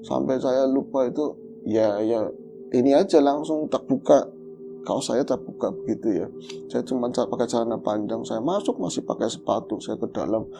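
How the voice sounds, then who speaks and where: A man telling a true horror story in casual chat, animated as he acts out his own calls and growls. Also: medium pitch, normal speed, vocal fry, over music. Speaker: guest storyteller.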